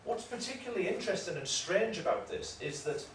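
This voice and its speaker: A man's voice: sits high, lively intonation, a little fast, a bit bright. A man giving an academic lecture in a discursive, explanatory way, often correcting himself. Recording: roomy room, mic at a distance, faint noise.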